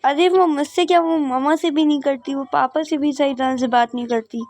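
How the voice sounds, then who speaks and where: A woman's voice: high voice, steady tone, normal speed, a little mellow, no room sound, soft background music, lightly acted. A woman voicing a chatty little girl princess who tattles about her sister in a doll game. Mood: complaining.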